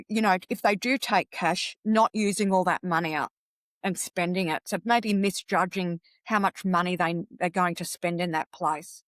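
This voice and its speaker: Speaking as a guest on a podcast, an Australian woman who works as a travel coach chats through practical tips. Her voice sits on the low side, and there's no echo.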